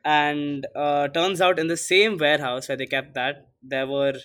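Bright-voiced teen boy co-hosting a podcast. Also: fairly high pitch, unhurried. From India. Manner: casual, many fillers like "like" and "uh". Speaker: podcast co-host. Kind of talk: casual podcast chat.

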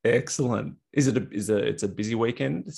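A man hosting a wedding podcast, asking questions in a friendly, halting way. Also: medium pitch, gravelly, a little mellow, husky. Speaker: podcast host. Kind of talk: interview chat.

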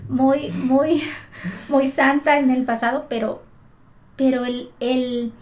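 An adult mother from Mexico shares her faith story as a guest in conversation, earnest and emotional, her fairly high voice carrying a darkish tone. She keeps circling back and restarting phrases as she gathers her thoughts in this heartfelt testimony.

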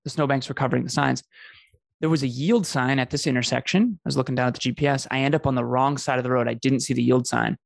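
Earnest man with a gravelly voice. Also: medium pitch, fast talker, no room sound, studio quality. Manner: earnest, emphatic, repeats phrases for effect. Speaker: podcast host telling his story as a guest. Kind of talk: conversational storytelling.

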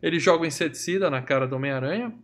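Fast-talking Brazilian man retelling a movie. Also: fairly high pitch, fairly bright tone. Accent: Brazilian Portuguese. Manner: retells scenes with acted quotes, joking. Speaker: podcast host. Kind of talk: casual movie review chat.

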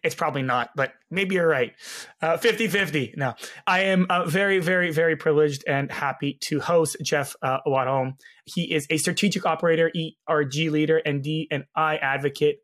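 Man, hoarse gravelly voice, fairly high pitch, podcast host, casual interview chat. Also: moderate pace, fairly bright tone. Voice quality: raspy, gravelly voice. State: hoarse from laryngitis. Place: home guest bedroom or office.

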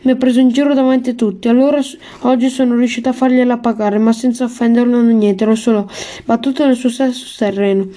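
A cheeky young boy, defensive and quick to protest, his voice pitched up high above the narrator's own, as a woman reading aloud puts him on. The tone stays soft and mellow, like a storybook read at home. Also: fairly even intonation, natural voice.

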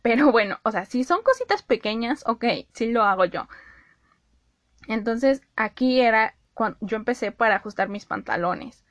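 A young Mexican woman talks straight to her audience in a casual vlog, her voice sitting a little high. She is animated and acts out her own inner back-and-forth. The sound is close and dry. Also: normal speed, no echo. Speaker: vlogger giving life advice. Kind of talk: casual direct-to-camera talk.

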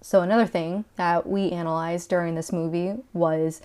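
A woman's voice: lowish voice, little pitch movement, normal speed, mellow, clear, resonant tone. A woman co-hosting a casual movie review chat, chatty with frequent "like" fillers. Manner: chatty, lots of "like" fillers, laughs often. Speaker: podcast co-host.

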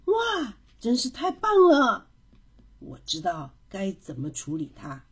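A woman's voice: deep voice, measured pace, husky, pitched below the performer's own voice, heavily acted. A woman voicing a playful father who admires his son's drawing. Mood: pleased.

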